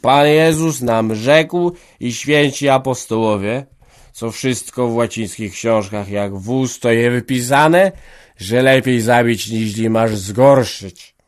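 A man's voice: mid-range voice, slow pace, natural voice. A man voicing a drunk, pompous village organist who slurs his moralizing, like a sermon. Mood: preachy. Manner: preachy, slurred moralizing.

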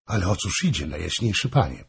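Man voicing a flattering noblewoman, ingratiating, husky voice, animated. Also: deep voice, a little fast, heavily acted. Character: scheming older noblewoman, flattering and sly.

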